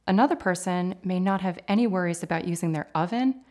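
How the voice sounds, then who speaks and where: A woman in her forties, an occupational therapist, explaining things in a clear, measured, instructive way in a home kitchen. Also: on the low side, dark tone. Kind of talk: explanatory interview talk.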